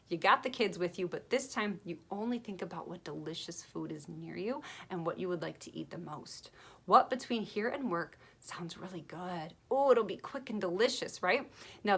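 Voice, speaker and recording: A woman self-help coach giving a lively motivational talk to camera, laughing at herself with blunt asides. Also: medium pitch.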